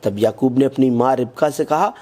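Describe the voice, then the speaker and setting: Man narrating a scripted Bible lesson. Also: medium pitch. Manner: measured, even reading with scripture quotations.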